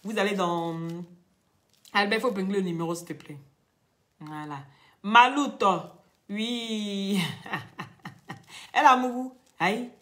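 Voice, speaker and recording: A woman, hoarse from losing her voice, loudly taunting and laughing through a live-stream rant. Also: mid-range voice, slow, long pauses. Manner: loud, taunting, laughing often. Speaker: social media live streamer.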